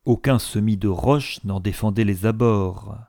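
Gravelly, dark-voiced male narrator. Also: lowish voice, no room sound, clean studio sound. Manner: measured, steady storytelling delivery. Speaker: audiobook narrator. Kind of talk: scripted narration of a classic novel.

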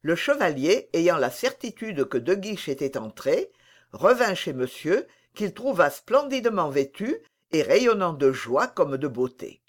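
Slow, expressive audiobook narrator. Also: mid-range voice. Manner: measured, expressive reading. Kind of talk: scripted narration of a classic novel.

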